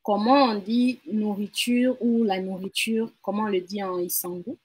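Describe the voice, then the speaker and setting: A woman's voice: medium pitch, steady tone, normal speed, a little mellow, husky. A woman learning a language from her mother in a casual lesson, repeating words carefully and laughing at herself. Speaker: learner and co-host.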